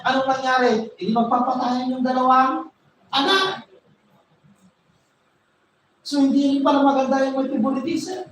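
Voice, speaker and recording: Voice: high-pitched, recorded from a distance. A preacher tells a Bible story to a congregation, stopping to repeat words while reaching for a name and checking in with "right?" The voice is picked up from well back from the mic. It rings through a very echoey room, with faint noise underneath. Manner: storytelling, repeats words while searching for names, asks "di ba?" often. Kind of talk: sermon, retelling a Bible story.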